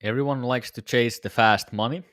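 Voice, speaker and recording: A man's voice: mid-range voice, fairly even intonation, normal speed, fairly bright tone, no room sound, studio quality. A tired man casually talking to viewers during a live trading stream, his voice a little worn. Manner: laid-back, musing, talks to viewers. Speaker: day-trading livestreamer.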